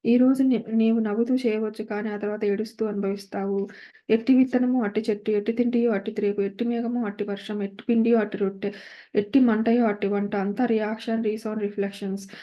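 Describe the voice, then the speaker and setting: A woman reads devotional teachings in a measured, unhurried way. She chants verses in a mid-pitched voice. The recording is slightly muffled and lo-fi. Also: flat delivery. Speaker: reader of spiritual discourses. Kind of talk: devotional reading with translation.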